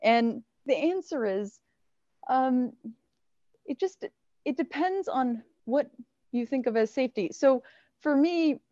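A woman in her thirties, a marine researcher, answering questions on a video call, lively and full of fillers and laughs. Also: sits high, slow pace, long pauses, dry recording. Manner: animated, laughs often, many fillers. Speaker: marine researcher guest speaker. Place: small indoor lab room. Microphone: wired earbuds on a video call. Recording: dull, dry video call audio.

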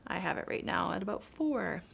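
This young presenter's lowish voice is brisk, creaky, a bit bright, and slightly rough, with lively intonation. She casually walks viewers through a device's menu settings, chatty and upbeat, gesturing as she explains, in a small studio room with acoustic foam.

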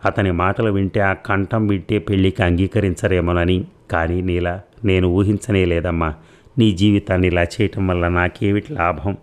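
A man voicing an elderly mother-in-law who pleads earnestly and calmly, in an audio story. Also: deep voice, normal speed, smooth, close to an everyday voice. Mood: pleading.

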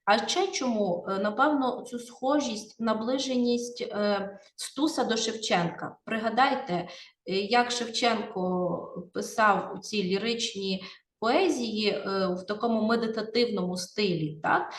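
A woman's voice: mid-range voice, unhurried. A woman literature teacher with a Ukrainian accent, explaining a poem to her pupils and often checking that they follow along. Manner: explanatory, addressing pupils with frequent "так?" checks. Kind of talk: classroom poetry analysis lesson. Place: classroom. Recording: echoey classroom, from far off.

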